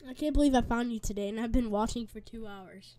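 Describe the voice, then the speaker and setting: A woman's voice: on the high side, quick pace, dark tone, slight background noise. A woman hosting a live weather stream, reading chat aloud between urgent storm warnings while eating. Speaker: livestream weather host. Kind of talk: live storm-tracking commentary.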